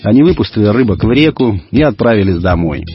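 A man narrating a children's story in an expressive, storyteller manner. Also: fairly low pitch, fast talker. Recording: dull radio recording, faint music.

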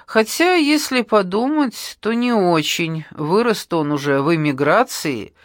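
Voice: mid-range voice, expressive, a little slow, dry recording, natural voice. An audiobook narrator voicing a thoughtful male investigator who explains at length, recorded dry and close. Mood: explaining.

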